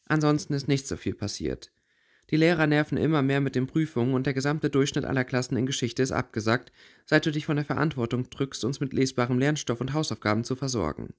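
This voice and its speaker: A man's voice: medium pitch, lightly acted. A man voicing a worried, caring teenage schoolgirl in a read-aloud fantasy fanfiction audiobook. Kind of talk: audiobook character voice.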